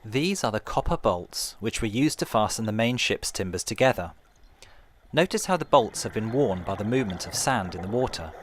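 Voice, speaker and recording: A man with a fairly low voice narrates a guided tour. He is calm and measured, explaining each point as a museum guide would. Noticeable watery background noise runs behind his scripted delivery. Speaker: tour guide narrator of a shipwreck dive trail.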